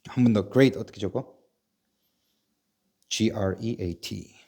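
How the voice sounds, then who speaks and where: A male English teacher running a patient spelling drill, spelling words out slowly letter by letter and coughing now and then from a sore chest. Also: fairly low pitch, creaky, dark tone, husky. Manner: patient, repetitive, asks and answers himself. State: coughing, bronchial trouble. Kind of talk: slow spelling drill lesson.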